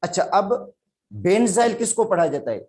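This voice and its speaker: Calling his students "beta," a Pakistani man with a Sindhi accent walks his classroom through chemistry step by step. He speaks at a moderate pace in a high-sitting, very animated, slightly mellow voice.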